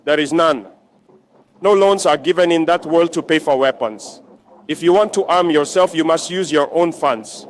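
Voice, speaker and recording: A man's voice: a little high, normal speed, slight background noise. A man giving a rallying political speech to troops as a military leader, exhorting them with repetition and rhetorical questions.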